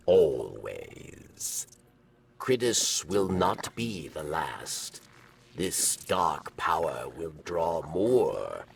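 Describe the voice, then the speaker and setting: A man voicing a solemn, cryptic alien sage in a video game, with halting, portentous delivery. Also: rumbling low, big pitch swings, creaky, a little hiss or hum, full character voice. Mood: solemn, foreboding. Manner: halting, portentous, third-person speech.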